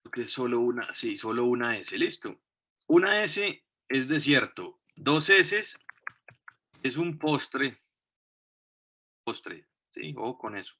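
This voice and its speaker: A man's voice: mid-range voice, big pitch swings, slow pace, long pauses, bright, forceful tone. A man with a Colombian Spanish accent teaching an English lesson, patiently explaining step by step and often checking in with his class. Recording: dull, lo-fi recording.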